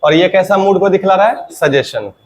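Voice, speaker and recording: A man teaching an English grammar lesson to a class, asking the students questions and answering them himself, and saying example sentences slowly again and again. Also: high voice, animated.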